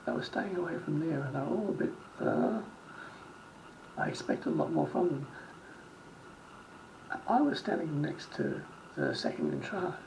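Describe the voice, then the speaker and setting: A man's voice: on the high side, wildly swooping pitch, normal speed, vocal fry, long pauses, a little mellow, a little hiss or hum, rough recording. A middle-aged man, telling a story in a vlog rant, indignant and rambling with many restarts. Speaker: vlogger.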